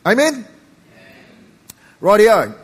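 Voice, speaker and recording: A man from New Zealand with a New Zealand accent softened by Australian, preaching a sermon in an emphatic, folksy way with joking asides and a husky voice. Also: sits high, wildly swooping pitch, very slow. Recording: echoey hall with long reverb.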